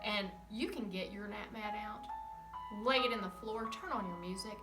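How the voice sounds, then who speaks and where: A woman kindergarten teacher speaking from home to young children, gentle and encouraging, in a remote lesson. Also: mid-range voice, moderate pace, distant mic. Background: soft music.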